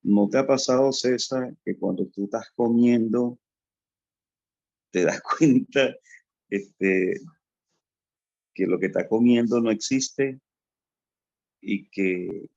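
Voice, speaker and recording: A man's voice: fairly low pitch, creaky, darkish tone, no room sound, dull audio. A man from Venezuela with a Venezuelan accent, speaking politely as a participant in a group meeting. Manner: polite, brief acknowledgments. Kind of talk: casual conversation.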